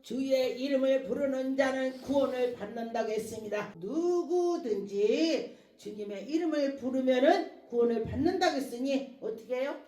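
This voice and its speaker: A woman pastor preaching a sermon with lots of emotion, acting out prayers and dropping from loud cries to hushed asides. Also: sits high, normal speed. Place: church. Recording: echoey church hall, mic at a distance.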